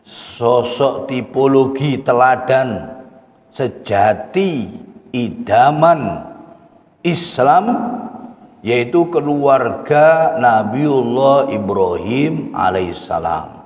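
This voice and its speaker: A man's voice: mid-range voice, expressive, very slow, long pauses, darkish tone. A man preaching to a mosque congregation, drawing out Arabic phrases in a chanted tone. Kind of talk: mosque sermon. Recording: echoey mosque hall.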